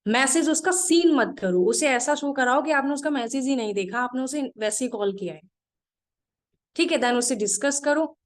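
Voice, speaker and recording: A woman trainer with a fairly high voice and lively intonation runs a live online class. She is direct and practical, addressing her points one by one and repeating them at a slow pace for students taking notes.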